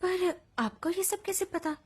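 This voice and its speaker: An earnest young heroine in an animated film dub. Her voice sits high and light, and she speaks in quick, flustered bursts with stammered starts. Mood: puzzled. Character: earnest young woman, Sayako. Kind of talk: Hindi anime film dub.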